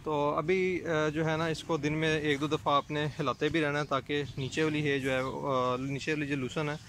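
Man, slightly higher voice, plain step-by-step vlog talk, handheld phone outdoors with steady background noise. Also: moderate pace. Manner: practical, explains step by step with many "jo hai na" fillers. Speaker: rooftop goat farming vlogger. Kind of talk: casual explanatory vlog. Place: outdoors on a rooftop, beside drying hay.

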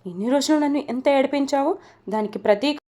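A woman's voice: sits high, brisk, dark tone, lightly acted. A woman voicing a playful, bold young wife in a storybook romance, speaking in a teasing way.

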